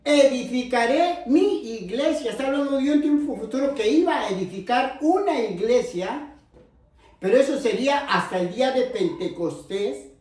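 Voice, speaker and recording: A man preaching a sermon, explaining slowly and repeating phrases, often calling listeners brothers, dropping low and soft on asides. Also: lively intonation. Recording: very echoey, from far off the mic.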